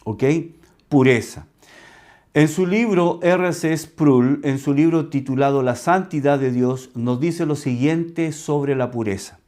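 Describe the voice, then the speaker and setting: A man from Chile, a pastor, preaching a sermon with slow, emphatic teaching that repeats key words. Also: on the high side, darkish tone.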